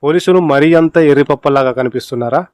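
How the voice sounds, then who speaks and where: A man's voice: on the high side, quick pace, a little mellow, no room sound, natural voice. A man voicing an irritable, mocking police constable in a storybook reading. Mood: scornful. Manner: scornful, dismissive.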